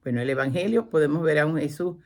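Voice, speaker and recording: A woman's voice: deep voice, fast. Woman retelling scripture with acted quotes. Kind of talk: religious talk show.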